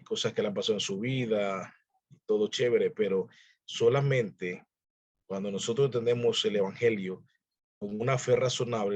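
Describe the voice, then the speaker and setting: A man's voice: on the low side, a little mellow, dull audio. A man teaching a church discipleship class, earnestly exhorting his listeners in a conversational preaching manner.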